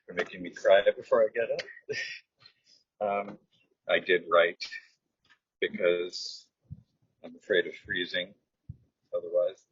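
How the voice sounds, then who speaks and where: A very deep-voiced, husky middle-aged man speaks slowly and thoughtfully in a memorial eulogy, pausing between phrases. His voice is dry and close to the mic. It comes through dull lo-fi video call audio. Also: a bit bright, no echo. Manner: slow and reflective, with pauses. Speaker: son giving a eulogy. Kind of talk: memorial eulogy, partly read from notes.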